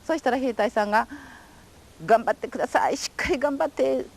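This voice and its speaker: In this recorded testimony, a Japanese atomic bomb survivor, an older woman, tells her story in a polite, formal, and vivid way. She has a high, gravelly voice and a brisk delivery.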